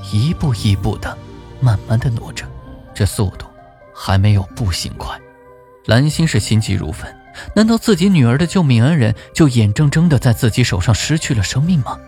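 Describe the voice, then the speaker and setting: A man narrating a folk ghost story in an expressive, suspenseful way. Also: mid-range voice. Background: faint music.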